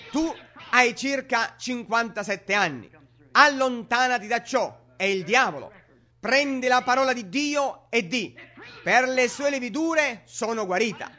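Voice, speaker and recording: A man's voice: very high-pitched, sharp tone. A man preaching a sermon in an emphatic, repetitive way, on a dull lo-fi recording.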